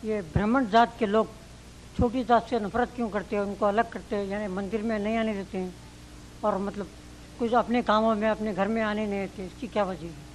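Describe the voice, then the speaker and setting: A man with a Hyderabadi accent and a fairly high voice asks a question from the audience. He talks plainly and rambles as he explains what he read. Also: steady tone, brisk, slight background noise, poor audio. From Hyderabad, India. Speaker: audience member asking a question.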